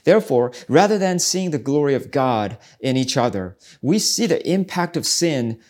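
A man's voice: medium pitch, very animated, normal speed, a little mellow. A man, hosting a ministry podcast in an earnest, reflective devotional talk. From South Korea. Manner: earnest, searching, preacherly. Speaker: podcast host, ministry speaker.

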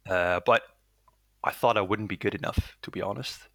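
Dutch man, thirties, gravelly low voice, bright edge, halting interview chat, dry close sound. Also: steady tone, dry recording. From Netherlands. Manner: hesitant, many restarts and fillers, chuckles often. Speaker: lead software developer guest. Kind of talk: casual interview conversation.

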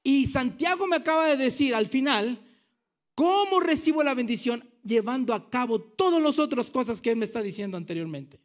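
A man's voice: extremely high pitch, animated, moderate pace. A man. He asks the congregation questions and teases them with jokes as he explains the text. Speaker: pastor. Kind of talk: sermon to a congregation.

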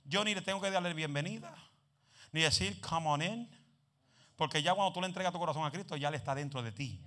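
A man preaching a sermon as pastor, telling humorous stories, mixing in English phrases and building up to shouted exhortations. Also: on the high side, quick pace. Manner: drops English phrases into his talk; humorous storytelling.

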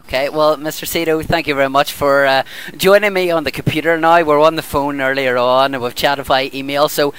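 A man's voice: on the high side, steady tone, fairly quick, few pauses, fairly bright tone, smooth. A man hosting a podcast interview in a chatty, polite introductory style.

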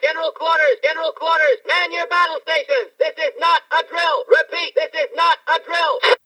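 An automated shipboard system voice comes online and announces battle stations over a loudspeaker in clipped, urgent alerts, as a played-in clip. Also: very high voice, steady tone, moderate pace, low-quality recording. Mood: urgent alarm.

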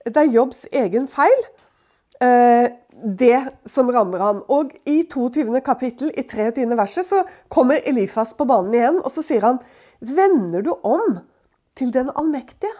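A woman with a somewhat high voice gives a conversational Bible teaching. She talks in a chatty, informal way, full of fillers and tag questions aimed at her listeners. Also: expressive, warm tone.

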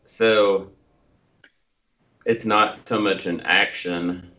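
A middle-aged American man co-hosting a casual discussion, thoughtful and halting, with some self-deprecation. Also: sits low, fairly even intonation, pushed and bright, highs cut off. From Tulsa, Oklahoma, United States. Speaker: podcast co-host.

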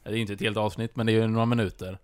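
A man's voice: on the low side, little pitch movement, clean tone, no echo. A man in easygoing podcast chat who readily agrees and laughs along. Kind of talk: casual chat.

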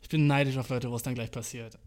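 A man's voice: mid-range voice, steady tone, fast, a little mellow. A young man chatting casually as a podcast host, rambling in slangy, profane talk and acting out his inner voice. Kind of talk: casual chat.

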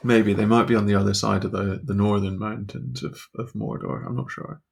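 A man co-hosting a casual podcast chat, blunt and dry, quick to argue a point. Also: lowish voice, steady tone, vocal fry, breathy edge. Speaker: podcast co-host.

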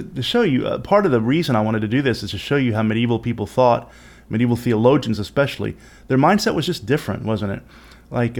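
Gravelly-edged man giving a casual explanatory lecture. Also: mid-range voice. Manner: conversational, musing, often checks with rhetorical questions. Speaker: host and presenter of an educational video series.

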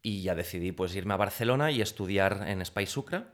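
Casting: low-pitched man, thirties, from Spain, chatty interview guest who acts out quoted dialogue. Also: animated, fairly quick, a bit bright. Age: 30s. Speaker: guest, pastry chef. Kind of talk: casual interview storytelling.

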